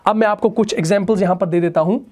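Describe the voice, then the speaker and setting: A man's voice: high-pitched, mellow. Patient male grammar teacher. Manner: patient, addresses students as brother, personifies letters; slow recitation of verses and verb forms. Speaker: Quran and Arabic grammar teacher. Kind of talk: explaining grammar lesson at a board.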